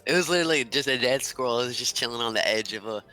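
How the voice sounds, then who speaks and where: A young man in casual podcast chat, chiming in excitedly and swearing as he backs up a friend's story. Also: mid-range voice, rapid-fire, faint music behind. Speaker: podcast co-host.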